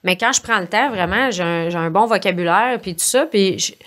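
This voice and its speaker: A woman's voice: mid-range voice, a little fast. Montreal woman, quebec french accent, podcast guest, self-mocking stories, casual. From southwest Montreal, Quebec. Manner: self-mocking, animated storytelling. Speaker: guest comedian.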